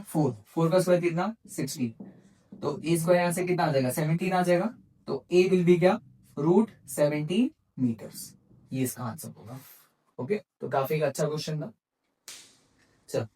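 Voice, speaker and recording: A man's voice: fairly high pitch, darkish tone, low-quality recording. A man teaching physics to exam students. He talks in Hindi mixed with English terms and keeps asking the class questions and then answering them himself. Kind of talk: exam-prep physics lecture.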